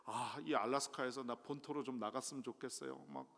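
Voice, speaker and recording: Middle-aged man, gravelly bright voice, guest pastor, chatty self-mocking sermon, church reverb. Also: medium pitch, a little fast. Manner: conversational, self-deprecating preaching with sudden loud rises. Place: church sanctuary. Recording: long church hall reverb.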